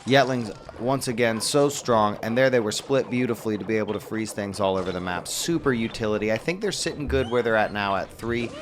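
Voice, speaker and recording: A man commentating a mobile game tournament match play by play, upbeat and quick to exclaim at good plays. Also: fairly low pitch, slight background noise.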